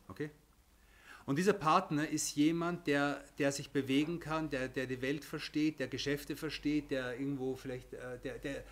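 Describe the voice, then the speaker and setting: A man delivers a religious lesson in a slightly higher voice. He explains with everyday examples and keeps checking in with his listeners with "okay?". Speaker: religious teacher.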